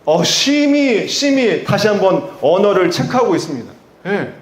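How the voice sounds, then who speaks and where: Chungcheong-accented pastor man, sermon voice a bit high, keeps asking the crowd questions then hits hard, roomy echo. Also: very animated, normal speed. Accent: Chungcheong Korean. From Chungcheong, Korea. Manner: rhetorical questions to the congregation, rising to emphatic peaks.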